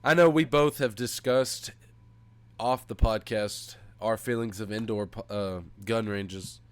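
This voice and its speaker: A man's voice: lowish voice, a little slow, clear, resonant tone, no echo. A man hosting a casual podcast, sounding sick, nasal and stuffed up, speaking into a headset. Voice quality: nasal, congested. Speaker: podcast host.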